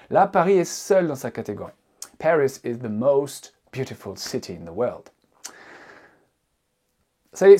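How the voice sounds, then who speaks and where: A man teaching in an online tutorial, lively and emphatic, slowing down to stress his examples. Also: medium pitch, breathy edge. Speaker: English teacher.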